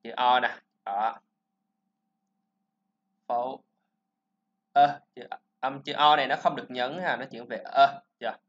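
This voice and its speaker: A man teaching a pronunciation lesson, explaining sounds and repeating words slowly for learners to copy. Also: medium pitch, a bit bright. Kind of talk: classroom-style pronunciation lesson. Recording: slightly dull lo-fi recording.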